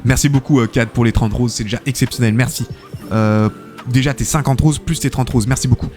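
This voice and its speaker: A man's voice: mid-range voice, steady tone, fairly quick, a little mellow, soft background music. A man hosting a live game stream, commentating matches and reading out chat, chatty and full of fillers, thanking viewers often.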